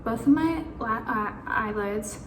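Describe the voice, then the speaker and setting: A woman's voice: a little high, unhurried, echoey room, noisy background. A woman vlogging casually on a phone camera, anxious and rambling, swearing now and then. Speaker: beauty vlogger. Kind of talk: casual chat.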